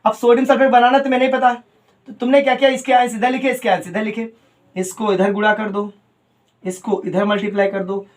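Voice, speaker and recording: A man teaching a chemistry lesson at a coaching class. He calls his students "beta", repeats key terms slowly and mixes in English phrases. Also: sits high, flat delivery.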